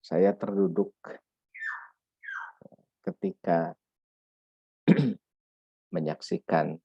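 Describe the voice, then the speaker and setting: A man's voice: low voice, fairly even intonation, very slow, warm tone, slightly rough, no room sound. A man lecturing on grammar in a patient, repetitive way, checking in with "ya" often. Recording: dull lo-fi dry recording.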